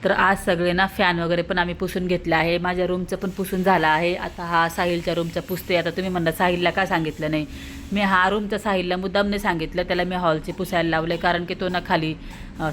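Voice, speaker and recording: A woman's voice: fairly low pitch, a bit bright, slight background noise. A woman from Maharashtra in her thirties, a mother vlogging at home, chatting to viewers and explaining her chores step by step. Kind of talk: casual vlog narration to viewers.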